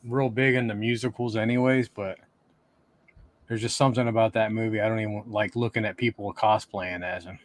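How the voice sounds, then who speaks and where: A man co-hosting a podcast in casual chat, relaxed and laid-back. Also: lowish voice, brisk, no room sound. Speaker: podcast co-host.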